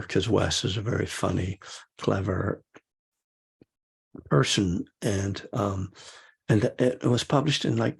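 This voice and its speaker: A man's voice: fairly low pitch, vocal fry, breathy edge. An older man and meditation teacher gives a rambling, casual dharma talk, chuckling often and full of fillers.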